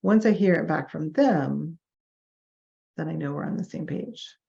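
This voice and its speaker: A woman's voice: low voice, measured pace, gravelly, mellow. A woman giving a lecture on professional ethics, talking in a conversational way and acting out clients and doctors in quoted asides. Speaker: therapist teaching a professional ethics session. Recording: dull lo-fi lecture recording.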